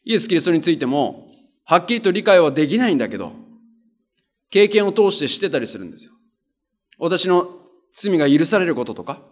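A man delivers a conversational sermon in an earnest, plain-spoken way. His voice sits a little higher than most men's. He reads scripture aloud and repeats key phrases for emphasis. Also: very animated, a little fast, pauses often. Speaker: pastor. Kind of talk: conversational sermon with Bible reading.

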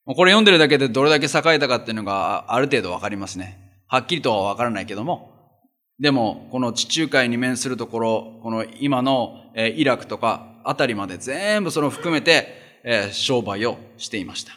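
A man's voice: mid-range voice, expressive, a little fast, bright, forceful tone. Man reading scripture and preaching. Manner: reads scripture steadily, then explains in a plain conversational tone. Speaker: pastor. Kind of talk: Bible reading with sermon commentary.

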